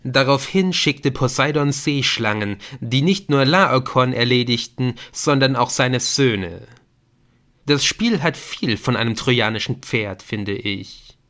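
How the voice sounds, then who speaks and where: A man's voice: medium pitch, measured pace, a bit bright. A man voicing a pompous, lecturing know-it-all teenage boy in a German audiobook.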